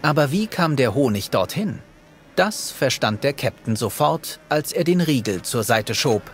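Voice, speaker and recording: A man's voice: medium pitch, very animated, measured pace, very noisy. A man narrating a scripted story for children. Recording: prominent music behind.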